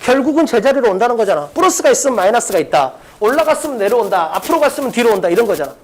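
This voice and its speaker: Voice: medium pitch, very animated, very fast. An English exam-prep lecturer teaching a class in an informal, emphatic way, constantly posing rhetorical questions and checking that students follow.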